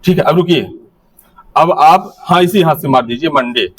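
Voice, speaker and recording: A man's voice: fairly high pitch, normal speed, husky. A man leading teachers through a classroom activity, giving step-by-step directions to a group in a hall. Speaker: teacher trainer.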